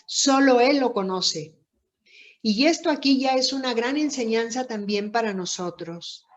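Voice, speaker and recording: A woman giving a reflective Bible lesson, speaking deliberately with many pauses and rhetorical questions. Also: a little high. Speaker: Bible teacher. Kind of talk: slow, reflective Bible teaching. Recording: dull lo-fi recording.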